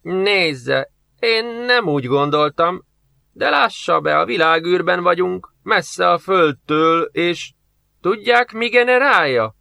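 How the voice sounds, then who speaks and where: Guy putting on a high, slow know-it-all old professor type, dry close sound. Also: lively intonation, bright, forceful tone, no echo. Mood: flustered. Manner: lecturing, drawn-out, high-pitched. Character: fussy old male scientist, condescending.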